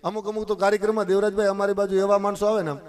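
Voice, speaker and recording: A man's voice: sits high, little pitch movement, rapid-fire. A man with a Kathiawadi Gujarati accent telling folk stories on a live stage, chatty and teasing as he speaks straight to the crowd. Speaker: folk storyteller and stage announcer. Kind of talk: live folk storytelling to an audience.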